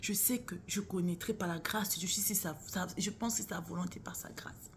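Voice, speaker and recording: Earnest woman sharing faith, gravelly edge. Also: fairly low pitch, a little fast, noisy background. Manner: earnest, addresses listener as sister or bro; often drops to a whisper. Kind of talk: casual faith talk to viewers.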